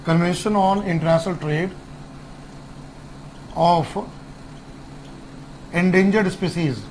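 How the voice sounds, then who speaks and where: A man teaching an online exam-prep lecture, repeating key terms and spelling out acronyms slowly. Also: sits high, steady tone, a little mellow, a little hiss or hum, poor audio. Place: classroom with whiteboard.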